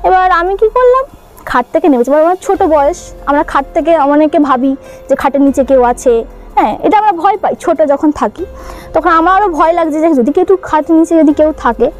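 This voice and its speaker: High-voiced young woman telling a story. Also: lively intonation, a little fast, faint music behind. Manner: hesitant, many fillers and restarts. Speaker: storyteller recounting a childhood experience. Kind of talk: casual spoken true ghost story.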